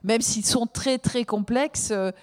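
A woman taking part in a discussion, speaking hesitantly with many pauses and fillers. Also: on the high side.

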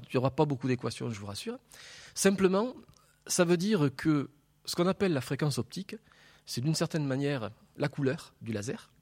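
A man's voice: medium pitch, darkish tone, breathy edge. A man with a southern French accent from Toulouse, a laser researcher giving a public science lecture to an audience into a wired microphone, joking and explaining with everyday images.

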